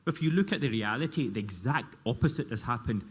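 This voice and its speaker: A man's voice: medium pitch, lively intonation, fast talker, slightly rough. A man speaking as a panelist at a conference, making emphatic, argumentative points. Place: large conference hall. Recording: long hall reverb.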